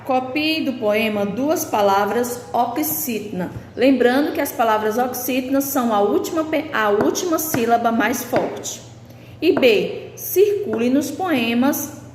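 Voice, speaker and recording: A woman with a Brazilian Portuguese accent teaches a remote lesson, walking through workbook exercises one by one. She talks very slowly and patiently, her voice a little high. The room is echoey with a long tail and a faint hiss behind her. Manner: slow, patient explaining, reading out questions.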